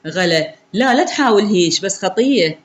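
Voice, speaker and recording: A woman's voice: mid-range voice, expressive, normal speed, natural voice. Young iraqi second wife in a storybook, coaxing and dismissive, a woman reading her.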